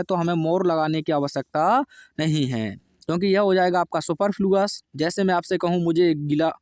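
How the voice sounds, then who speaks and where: High-voiced man teaching grammar. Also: darkish tone, no room sound, studio quality. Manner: explains step by step, asks and answers his own questions. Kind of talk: exam-prep grammar lesson.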